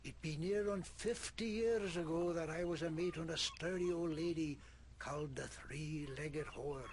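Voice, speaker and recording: An actor playing a gruff old fisherman in a video game, a grumpy storyteller with rustic sailor speech and a soft, relaxing voice. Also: fairly high pitch, unhurried, a little hiss or hum. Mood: reminiscing. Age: older. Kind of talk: video game character acting.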